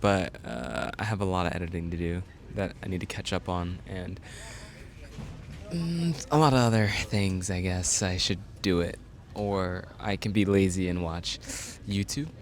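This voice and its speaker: Male travel vlogger, easygoing and rambling, fairly low voice, recorded on a handheld camera mic. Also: expressive, unhurried, creaky. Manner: chatty, easygoing, rambling with fillers. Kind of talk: casual travel vlog talk to camera. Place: airports, planes and a shuttle bus. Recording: background music under the voice. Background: music.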